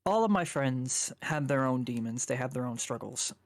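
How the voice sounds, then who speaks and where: A man's voice: medium pitch, lively intonation, moderate pace, dry recording. A young man from Canada, a guest on a chat stream, rambling casually through a personal story and swearing now and then.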